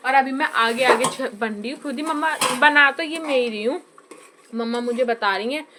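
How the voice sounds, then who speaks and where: A woman's voice: high voice, moderate pace, very noisy. A woman vlogging casually from her home kitchen, chatty and laughing at herself, filmed on a phone in a roomy room. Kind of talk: casual home cooking vlog.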